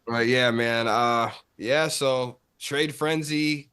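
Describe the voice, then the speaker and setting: A man hosting a casual sports podcast, talking in relaxed slangy banter and calling his friends bro. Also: medium pitch, slow, a little hiss or hum. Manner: laid-back slangy banter, says bro often. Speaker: podcast host.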